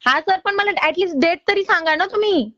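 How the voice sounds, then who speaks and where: Over slightly dull phone audio without echo, a woman chases a loan repayment in a very high voice that sounds pushed and bright. She keeps a moderate pace, insistent and exasperated but still polite.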